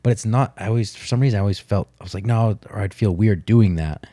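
A man's voice: on the low side, quick pace, mellow, dry recording, clean studio sound. A man from the United States co-hosting a casual chat, rambling and correcting himself with a playful manner.

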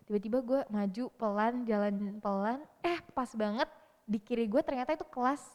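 A young woman telling a story in lively, slangy casual chat, acting out what people said. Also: a little high, fairly quick, in a large hall. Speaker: interview guest.

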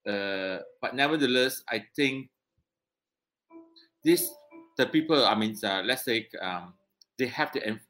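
A man's voice: lowish voice, a bit bright. A man co-hosting a casual talk show, speaking earnestly with many hesitations and restarts. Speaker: regular co-host. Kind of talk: casual chat.

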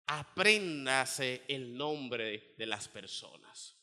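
A man preaching a sermon as pastor, animated, acting out the quoted voices of other people. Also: medium pitch, drawn-out words. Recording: reverberant hall.

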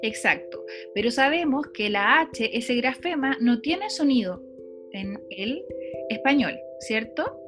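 High-voiced woman teacher explaining patiently. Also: expressive, slow pace, music in the background. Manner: explains step by step, asks a student questions. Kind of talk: lecture on phonology.

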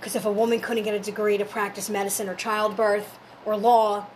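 A woman's voice: medium pitch, flat delivery, brisk, a little hiss or hum, rough recording. A woman talking informally as a storyteller, explaining folklore and history step by step in a conversational way.

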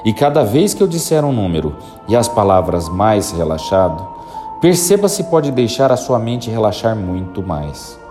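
A man guiding a listener through a hypnosis induction with slow, soothing, repetitive instructions. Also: lowish voice, very animated, over music.

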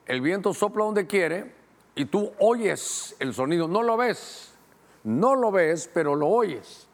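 A middle-aged man from Guatemala, a pastor preaching a Bible-study sermon who slows to read verses aloud and speeds through asides to his helpers. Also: high voice, lively intonation. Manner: teaching, directing helpers to show verses on screen.

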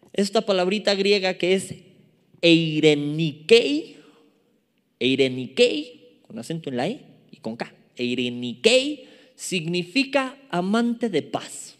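Mexican male preacher, 30s, emphatic and jokey, somewhat high voice, long hall echo. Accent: Mexican Spanish. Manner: emphatic, repeats key words, playful asides to the congregation. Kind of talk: sermon.

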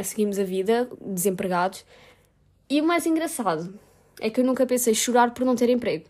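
A mid-range, somewhat mellow female voice belongs to a young adult vlogger with a European Portuguese accent. Her casual vlog is blunt and self-deprecating, with liberal swearing.

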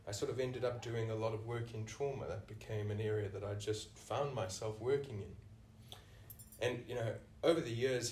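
The same kind of guest, a senior clinician with a South African accent, responds to interview questions with care and frequent "you know" restarts. His lowish voice is a little mellow and comes from a distant mic in an echoey room, where a faint hiss or hum can be heard.

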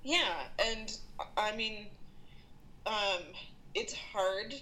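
A woman's voice: mid-range voice, drawn-out words, bright, forceful tone, a little hiss or hum, poor audio. A woman freelance artist in casual conversation, thoughtful and searching for words. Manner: thoughtful, many fillers and restarts. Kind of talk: casual chat.

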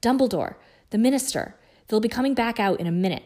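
A woman's voice: fairly high pitch, animated, fast talker, mellow, pitched above the performer's own voice. A woman voicing an anxious, urgent teenage schoolgirl witch in a storybook reading, pleading and breathless.

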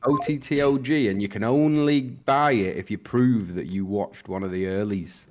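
British man, fairly low voice, jokey co-host, casual banter, playful exaggeration. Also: normal speed, noisy background. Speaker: show co-host.

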